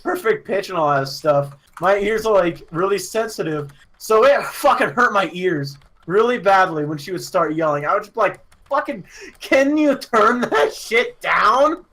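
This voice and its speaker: A high-pitched young man rambles through a story on a casual podcast, laughing and swearing as he goes. He breaks into loud impressions of someone yelling, then drops back into easy chat. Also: lively intonation, normal speed, few pauses. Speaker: podcast co-host.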